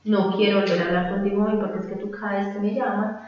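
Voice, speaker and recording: A woman, telling a personal story to a group in animated fashion. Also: mid-range voice, quick pace. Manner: animated, acts out quoted voices. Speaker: course participant. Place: large room at a group course. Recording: distant echoey hall, dull sound.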